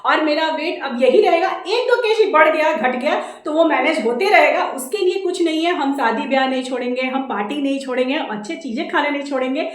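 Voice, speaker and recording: Loud, fast-talking high-voiced woman. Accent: Jharkhand Hindi. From India. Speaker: vlogger. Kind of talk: casual home vlog talk. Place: indoors at home. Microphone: camera mic without a separate microphone. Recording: echoey room, voice from camera distance.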